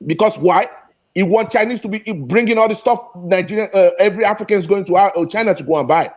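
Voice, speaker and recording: A man with a notably high voice argues with passion, tripping over and repeating his words as he pushes his point. The audio is dull and lo-fi. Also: fast talker. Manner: passionate, repeats and restarts phrases. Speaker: guest speaker in an online discussion. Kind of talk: heated debate.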